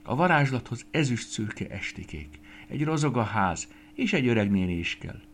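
Man doing Estike, a small earnest fairy girl. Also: slight background noise. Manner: rises high and loud when excited.

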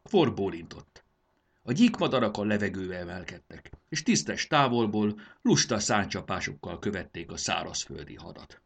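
Male storybook narrator, low and lively, bright tone. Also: vocal fry, husky. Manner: expressive reading, does character voices.

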